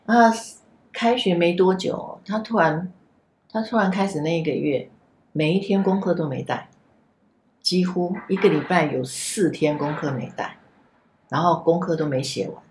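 A woman, an after-school center director, telling a story gently and vividly in a casual podcast chat. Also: on the low side, normal speed, slight background noise. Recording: echoey room.

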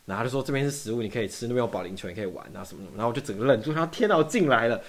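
A man's voice: fairly low pitch, racing. A young man from Taiwan telling a long story in casual chat, acting out both sides of every exchange. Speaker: podcast guest.

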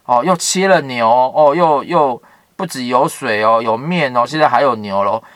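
A man's voice: mid-range voice, moderate pace, a bit bright, dry recording. A man retelling a Bible story, adding chatty explanations as he reads. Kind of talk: retelling scripture with casual asides.

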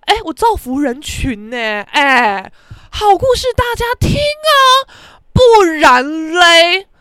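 Podcast host: brash Taiwanese woman, high lively voice, profane, acts out her own shouts. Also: takes it slowly, no room sound, studio quality. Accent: Taiwanese Mandarin. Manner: brash, profane, dramatic, shouts out reenacted quotes. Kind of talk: casual storytelling monologue.

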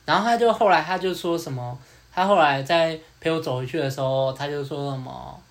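A man hosting a podcast, telling a story in a casual, animated way, repeating words and acting out what others said. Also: a little high, fairly quick. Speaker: podcast host.

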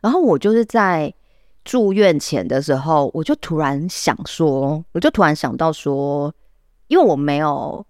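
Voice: mid-range voice, measured pace, dry recording, clean studio sound. Chatty Taiwanese Mandarin podcast storyteller. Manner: animated storyteller, laughs often, many "then" restarts; quotes others in acted voices. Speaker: podcast co-host. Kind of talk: casual storytelling chat.

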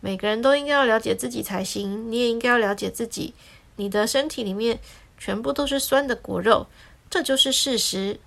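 A woman's voice: on the high side, a little fast, creaky, a bit bright. A woman voicing a small, chatty, frank sparrow in a children's story, talking in a blunt, matter-of-fact way. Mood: lecturing.

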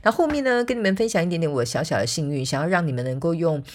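Sleepy, husky-voiced woman podcaster. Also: low voice, lively intonation, very fast. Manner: chatty, acts out quoted dialogue, frequent fillers like OK and 哈. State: sleepy, softer voice than usual. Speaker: podcast host. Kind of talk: casual solo podcast storytelling.

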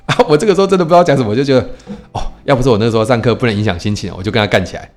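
A man telling a story in casual podcast chat, animated, quoting people and asking rhetorical questions. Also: medium pitch, very fast, soft background music. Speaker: podcast co-host; teacher.

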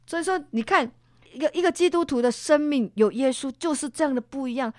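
Singaporean woman telling an animated faith story. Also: high-pitched, fast talker, dry recording, studio quality. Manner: animated storytelling, acts out voices. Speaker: guest.

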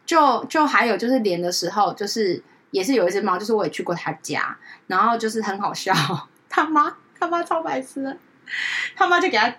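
Female podcast co-host, quick, slightly high, lively storyteller. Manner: animated, keeps asking "you know?"; jumps into high-pitched voices when quoting others. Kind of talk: casual chat storytelling.

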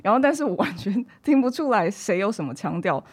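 A woman's voice: medium pitch, sing-song, a little fast. A woman, a young adult with a Taiwanese Mandarin accent, telling stories casually as a guest on a podcast. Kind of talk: casual conversational storytelling.

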